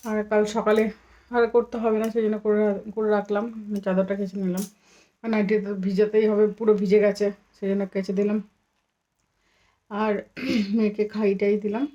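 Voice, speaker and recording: A young woman with a mellow, medium-pitched voice chats casually as she narrates a home vlog. She's a family vlogger and mother of a small child, and the recording is noisy, full of background ambience from the home.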